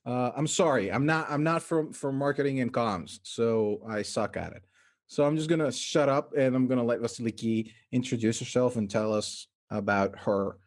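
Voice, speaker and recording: A man's voice: mid-range voice, moderate pace. A man hosting a casual video-call interview, rambling and self-deprecating. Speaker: interview host.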